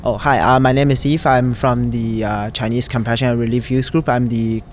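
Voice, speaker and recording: Young man from taiwan, student, hesitant, lots of uh and like, faint rumble behind. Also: fairly even intonation, normal speed. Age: young adult. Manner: hesitant, many uhs and likes. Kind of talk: casual interview answers.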